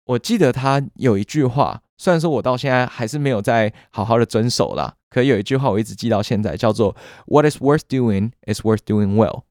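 A man's voice: mid-range voice, animated, fast, few pauses, darkish tone, no echo. Taiwanese-accented male podcast co-host, dry sound. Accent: Taiwanese Mandarin. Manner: explains vocabulary patiently, chatty and joking. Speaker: podcast co-host teaching English. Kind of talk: casual bilingual podcast lesson.

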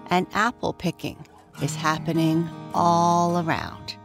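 A woman hosting and narrating bedtime stories for children, gently and unhurriedly, as if tucking them in for the night. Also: low voice, creaky. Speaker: host and narrator of a children's bedtime story podcast. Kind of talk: slow bedtime storytelling.

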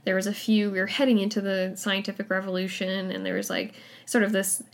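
A woman co-hosting a podcast in casual chat, talking with quick asides. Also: medium pitch, level tone, creaky. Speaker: podcast co-host.

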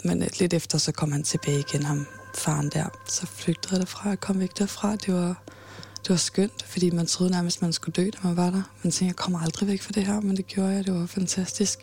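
Low gravelly young woman, flat delivery. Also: slight background noise. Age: 20s. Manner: halting, with many fillers and restarts. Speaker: interviewee. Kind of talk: personal account in an interview.

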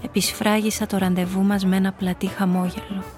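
With music behind her, a woman with a medium-pitched, flat, lightly acted voice plays a cool, calculating nightclub hostess. In composed, knowing radio-drama style, she delivers first-person noir narration and dialogue, telling her story and speaking her lines.

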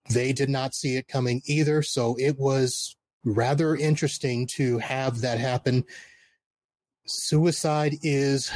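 A middle-aged man hosts a live podcast on his own in a casual, conversational style. His voice sits at a medium pitch and his delivery is plain-spoken. He is recorded outdoors in a backyard, so the sound is dry, with no room reflections. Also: darkish tone, dry recording. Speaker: podcast host.

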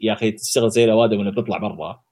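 A man co-hosting a casual gaming podcast, opinionated and animated, often pausing on fillers and searching for words. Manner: animated and opinionated, jumps to high pitch for emphasis; many hesitations and filler sounds. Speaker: podcast co-host.

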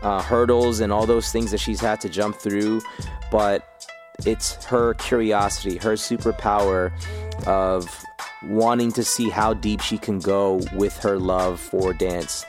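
Low-voiced upbeat male podcast host. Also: steady tone, unhurried, over music. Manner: upbeat, chatty, many fillers. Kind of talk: casual podcast interview.

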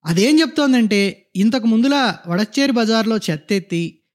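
A man's voice: sits high, lively intonation, moderate pace, voice pushed up. A man reading a story, voicing an elderly male activist who declaims to a street crowd. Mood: rousing. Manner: rousing, declaiming.

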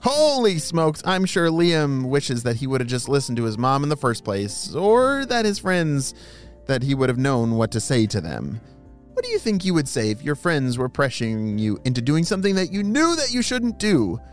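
A woman hosting a children's story show in an encouraging, exaggerated, sing-song kindergarten teacher voice, speaking straight to young listeners. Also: low voice. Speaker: children's story podcast host.

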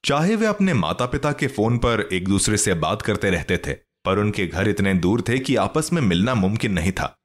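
A man with a fairly low voice reads a children's story aloud, his pitch rising and falling in a lively, expressive way. The delivery is scripted and steady, shaped for listeners following along. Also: moderate pace, hardly any pauses. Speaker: narrator. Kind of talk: storybook narration.

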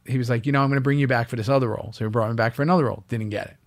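Rapid-fire and mid-range in pitch, this East Coast American actor chats casually as an interview guest. He tells spirited stories and voices the dialogue of the people who appear in them.

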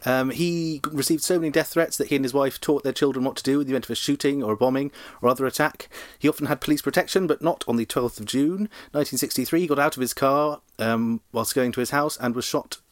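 A man co-hosting a podcast, reading out history facts in a relaxed way with dry jokes and many ums. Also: mid-range voice, fast, few pauses, no echo. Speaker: podcast co-host.

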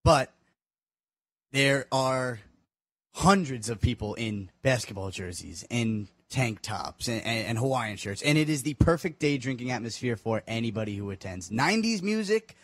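Co-host: mid-pitched young man, easygoing storyteller, dry close mic. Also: animated, moderate pace, a bit bright, dry recording. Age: 20s. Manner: easygoing storyteller, explains at length. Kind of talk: casual podcast chat.

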